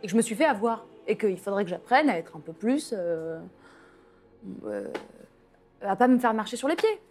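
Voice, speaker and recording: A woman's voice: medium pitch, sing-song, normal speed, a little mellow, soft background music. Hesitant woman tabletop player. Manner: hesitant, many fillers. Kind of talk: casual in-character tabletop play.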